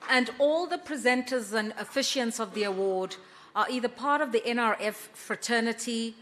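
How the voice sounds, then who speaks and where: A woman emceeing an awards ceremony, introducing guests with emphatic, drawn-out phrasing. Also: a little high, fairly bright tone, slight background noise. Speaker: master of ceremonies. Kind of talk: formal event hosting.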